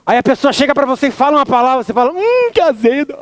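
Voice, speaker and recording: A man with a Brazilian accent giving a motivational talk, an animated storyteller who slows into dramatic pauses. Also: extremely high pitch. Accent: Brazilian Portuguese. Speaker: motivational speaker.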